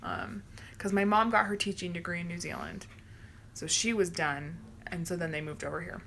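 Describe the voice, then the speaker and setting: A woman's voice: fairly low pitch, fairly even intonation, gravelly, fairly bright tone. A young American woman co-hosting a live vlog, telling stories in a chatty way and laughing easily. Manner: chatty, storytelling, quick to laugh. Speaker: vlog co-host. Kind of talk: casual live-stream chat.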